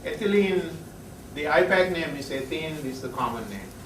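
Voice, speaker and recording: Heard from far off in an echoey lecture classroom, with slight hiss or hum, a Sri Lankan chemistry professor delivers a class lecture. His fairly high voice has a sing-song quality, and he halts often, filling gaps with "uh" and asking "right?" to check in.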